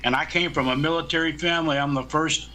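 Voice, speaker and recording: A man's voice: fairly high pitch, fairly even intonation, quick pace, sharp tone, rough recording. A man in his seventies chatting casually about politics, rambling and blunt, swearing freely. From United States. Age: 70s.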